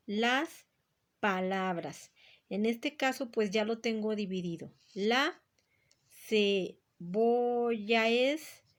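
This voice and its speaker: A woman with a Mexican accent gives an unhurried lesson, going through each line of a worksheet. She speaks in a fairly high voice and stops often to count aloud and repeat key terms. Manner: slow and patient, repeating and counting syllables aloud. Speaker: teacher. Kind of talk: explaining a poetry worksheet.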